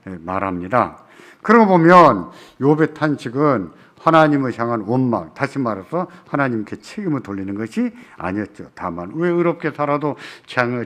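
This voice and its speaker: A man preaching a Sunday sermon as pastor, emphatic, swinging from loud calls to soft, hushed pleas. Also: mid-range voice. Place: church sanctuary.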